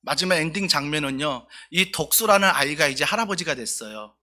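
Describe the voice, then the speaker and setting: A man's voice: a little high, expressive, fairly quick, pushed and bright. A male pastor preaching a sermon, telling a story earnestly and with feeling.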